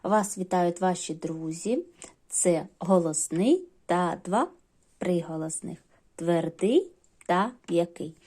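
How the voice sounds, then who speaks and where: A middle-aged woman teaching young children in a remote lesson, her voice sitting a little low. She talks through each step patiently and plainly, with frequent small hesitations as she goes. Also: lively intonation, slow pace, warm tone. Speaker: primary school teacher.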